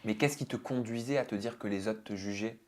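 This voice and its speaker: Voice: medium pitch, fairly quick, a little mellow. An interviewer hosting a friendly, probing conversation with a young guest. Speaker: interviewer host.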